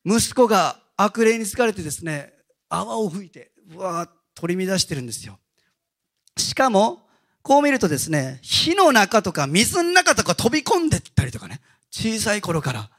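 A male pastor giving a Sunday sermon, telling stories in a casual, animated way. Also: high voice, moderate pace. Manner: animated storytelling with casual asides.

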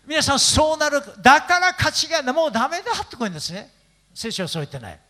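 A man's voice: extremely high pitch, wildly swooping pitch, quick pace, sharp tone. An older man preaching a sermon as a pastor in a church, telling stories, acting out quoted voices and laughing often. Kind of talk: sermon with storytelling.

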